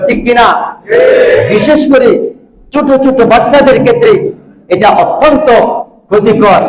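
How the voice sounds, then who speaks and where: A man preaching a Friday sermon in a booming, emphatic voice, putting rhetorical questions to his congregation. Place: mosque, speaking to a congregation. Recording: echoey amplified room sound.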